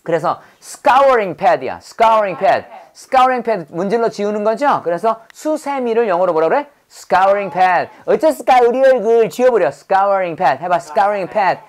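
A woman teaching an English vocabulary lesson, lively and drilling her learners with prompts to repeat after her. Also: mid-range voice, takes it slowly, few pauses.

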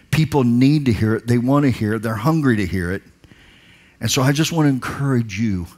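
A man in his forties preaching a sermon on a dark stage through a headset mic, swinging from hushed lines to loud emphatic calls. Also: lowish voice, slightly rough. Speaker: pastor. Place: large dark stage, indoors.

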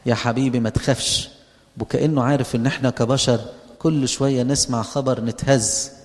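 A man with an Egyptian accent preaching a sermon. He speaks at a middle pitch in a conversational style and poses many rhetorical questions. His voice carries a long reverb, as in a large hall. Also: darkish tone. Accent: Egyptian Arabic. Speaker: priest.

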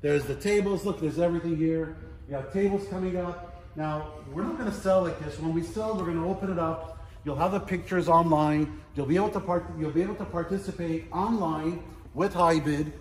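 A middle-aged man giving a casual walking tour of a large warehouse as an auctioneer, chatty and playful, listing items in quick repeats. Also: a little high. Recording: roomy warehouse echo, faint background noise.

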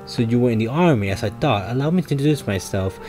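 A man's voice: medium pitch, expressive, fast, music in the background, natural voice. A man voicing a formal, polite doctor, reading his game lines aloud plainly. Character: formal male doctor investigator.

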